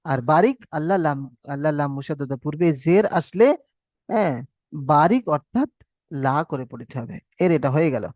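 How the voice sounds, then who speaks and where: A man's voice: on the high side, expressive, normal speed, a little mellow, no room sound, studio quality. A man teaching Quran reading in a recorded online lesson, patiently drilling rules over and over and drawing out his recited examples.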